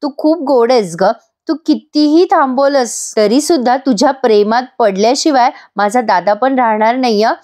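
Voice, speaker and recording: A woman voicing a remorseful, warm young sister-in-law in a voice-over episode recap, earnest and apologetic. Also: fairly high pitch, moderate pace, few pauses, lightly acted. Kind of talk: voice-over recap reading a character's lines.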